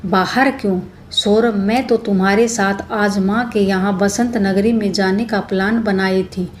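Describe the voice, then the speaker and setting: A woman voicing a middle-aged wife and mother who speaks in a brisk, practical way. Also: medium pitch, steady tone, a little hiss or hum, natural voice.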